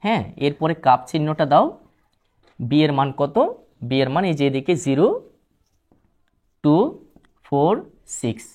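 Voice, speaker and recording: A man's voice: on the high side, a little slow, long pauses, a little mellow. A male math teacher with a Bangladeshi Bengali accent, patiently explaining a lesson step by step and mixing in English terms. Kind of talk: classroom math lesson on video.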